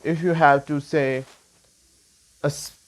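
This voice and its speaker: A man's voice: fairly high pitch, fairly even intonation, takes it slowly. A man from India with an Indian English accent, teaching an online language lesson and explaining each point patiently, step by step. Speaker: language tutor.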